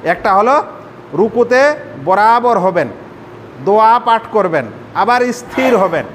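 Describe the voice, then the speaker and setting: A man with a high voice teaches prayer step by step in a sermon-style lesson. He puts rhetorical questions to the congregation as he explains. His voice carries a long hall reverb over a faint low rumble. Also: lively intonation, a little slow. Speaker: Islamic scholar teaching prayer.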